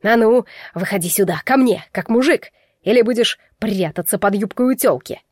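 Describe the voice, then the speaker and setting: Bull-man played by a woman, furious, crude, shouting, high and loud, dry. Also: normal speed, dry recording, lightly acted. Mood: enraged shouting. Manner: shouting insults.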